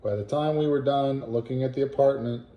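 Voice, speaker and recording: A man reading an old family letter aloud in a halting way, with asides and pauses to puzzle out words. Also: medium pitch, fairly even intonation, muffled recording. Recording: roomy, echoing home recording.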